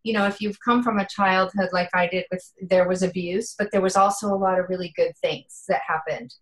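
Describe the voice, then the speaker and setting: A woman in her fifties, appearing as a guest in a casual interview, speaks with a fairly low, a bit bright voice, fairly even intonation, and a brisk pace. She talks earnestly and from the heart, saying "you know" often, on a rough recording.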